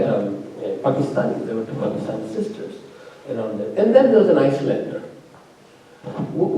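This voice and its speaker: A man with a mid-range, dark-toned voice comes across distantly in a roomy hall, the audio dull and slightly noisy. He is an immigrant living in Norway, serving as faculty opponent at a thesis defense. His academic commentary is discursive, with many fillers and restarts.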